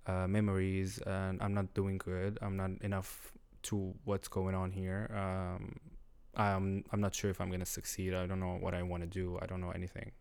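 Speaking English as a second language after Arabic, a young man from Syria shares his story in a laid-back chat as a guest. He frequently stops to hunt for words and bursts into laughter, his lowish voice rough with fry.

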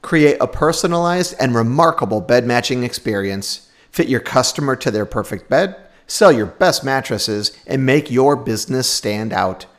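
A man's voice: medium pitch, animated, normal speed, few pauses. A man announcing a scripted promotional spot in a polished style. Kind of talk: scripted ad read.

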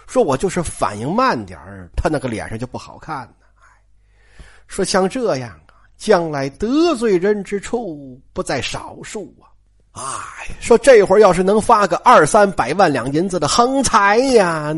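A storyteller retelling a classic novel in a chatty, animated way, turning to the audience with asides and explanations. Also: mid-range voice.

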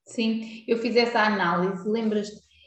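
A woman telling stories informally and haltingly in casual chat. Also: medium pitch, fairly even intonation. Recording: roomy, slightly echoing sound.

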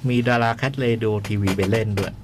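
A man co-hosting a casual film review chat who talks quickly and stammers repeated words. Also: lowish voice, fairly even intonation, background noise.

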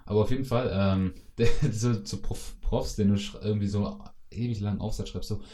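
A young man chatting casually as podcast co-host, playfully acting out quotes in a high falsetto. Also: fairly even intonation, fairly quick, mellow, a little hiss or hum. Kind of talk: casual chat. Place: his room in a shared flat.

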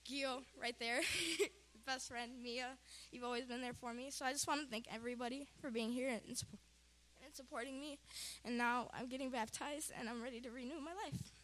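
A young woman shares her story before her baptism, casual and emotional, with frequent giggles. Her voice is high and bright. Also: steady tone, moderate pace. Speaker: baptism candidate giving testimony. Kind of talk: personal testimony.

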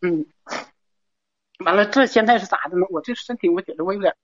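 A woman's voice: medium pitch, a little fast, no echo, dull audio. A middle-aged woman, calling in to an advice show and rambling nervously with many restarts. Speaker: caller. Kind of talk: call-in advice talk.

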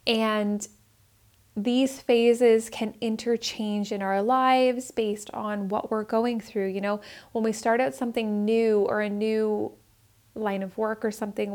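A woman's voice: medium pitch, a little mellow. A woman hosting a spiritual podcast, talking in an earnest, rambling way and correcting herself as she goes. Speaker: podcast host. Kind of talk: casual spiritual podcast talk.

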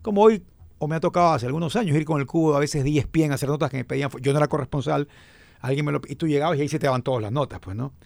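A man's voice: a little high, rapid-fire, creaky, dry recording. A man with an Ecuadorian Spanish accent hosting a sports show, telling stories emphatically in casual panel debate. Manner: animated storyteller, emphatic.

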